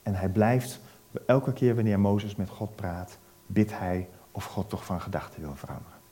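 A man preaching, retelling a Bible story in a lively way and asking his listeners questions. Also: fairly low pitch, normal speed.

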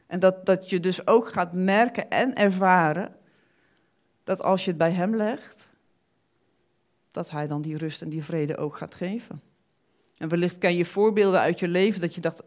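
A woman preaching a sermon in an animated way, often repeating words and acting out the thoughts she quotes. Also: lowish voice.

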